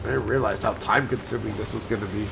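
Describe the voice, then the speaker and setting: A man's voice: on the low side, fairly even intonation, quick pace, vocal fry, heavy background noise. A young man chatting casually as he plays a game with friends. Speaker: gamer playing with friends. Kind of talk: casual gaming chat.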